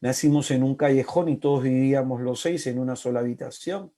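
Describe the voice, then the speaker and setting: A man in his forties from Peru, giving an impassioned preaching talk with slow, emphatic repetitions and sudden soft asides. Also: mid-range voice, steady tone. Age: 40s. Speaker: speaker at a faith-based family talk.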